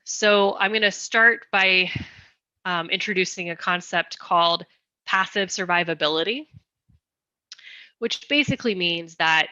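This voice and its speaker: Presenting at a community meeting, a woman walks through design ideas patiently and step by step, slowing down when asked. Her voice is bright and slightly low. The dry, dull audio sounds like a lo-fi video call.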